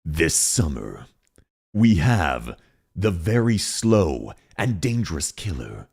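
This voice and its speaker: A man voicing a movie-trailer announcer in a slow, deep, dramatic delivery. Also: sing-song, creaky, a little mellow, husky, heavily acted. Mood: ominous.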